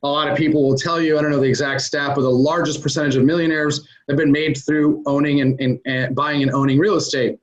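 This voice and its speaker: A man's voice: fairly high pitch, little pitch movement, quick pace, few pauses. A man being interviewed as a real estate investor, explaining business ideas conversationally with plenty of "um" and "uh". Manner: conversational, explains step by step with many "um" and "uh" fillers. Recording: dull lo-fi recording.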